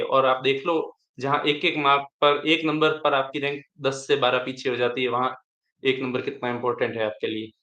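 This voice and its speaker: A man's voice: medium pitch, pushed and bright. Young man giving exam tips, echoey room. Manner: explanatory, repeats and restarts while advising. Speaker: exam topper sharing tips. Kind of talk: live online interaction.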